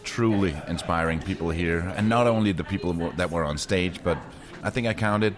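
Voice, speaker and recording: A man hosting a podcast, chatting casually with a guest and telling stories in a relaxed way. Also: deep voice, fairly quick, music in the background. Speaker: podcast host. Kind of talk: casual interview chat.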